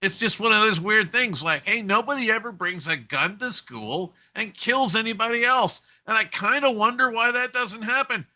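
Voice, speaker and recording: A man talking in a casual conversation, musing and telling stories with animated energy. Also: high voice, normal speed, hardly any pauses. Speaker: co-host.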